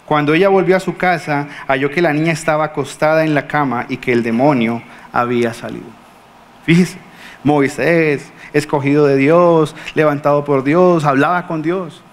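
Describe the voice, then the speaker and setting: A man preaching a sermon in a Colombian accent, telling stories lively and acting out the people he quotes, often asking the congregation questions. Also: fairly high pitch. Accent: Colombian Spanish. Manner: animated storytelling, acting out quoted speakers.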